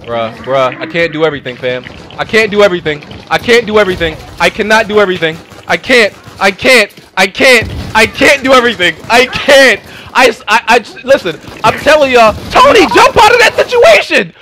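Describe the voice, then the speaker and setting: A man streaming a game, loudly ranting and repeating himself at his teammates, worked up and near-hysterical. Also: high-pitched, expressive, fairly quick. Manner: loud, exasperated, repeats himself, yells at teammates. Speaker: gaming streamer. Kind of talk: ranting live stream commentary.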